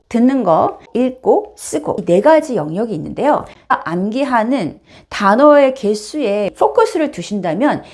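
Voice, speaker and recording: A woman's voice: a little high, a little mellow. A woman teaching an online English lesson. She talks straight to her viewers with an emphatic, teacherly manner.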